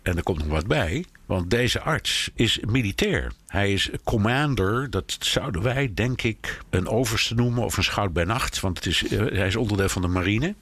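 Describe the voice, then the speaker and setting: A man with a low, slightly husky voice talks through a political analysis in a measured, explanatory way. He hesitates often as he thinks. The sound is dry and close, with little room. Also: lively intonation, fairly bright tone, no echo. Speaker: commentator on American politics. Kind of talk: conversational analysis.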